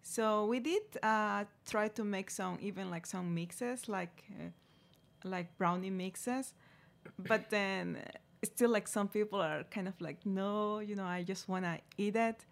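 A woman who founded a food company, answering interview questions in a halting way with many fillers. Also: medium pitch, creaky. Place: radio studio.

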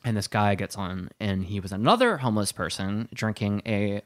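Lively storytelling man from Wisconsin. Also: fairly low pitch. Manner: lively storyteller, quick to laugh. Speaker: podcast co-host. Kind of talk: casual chat.

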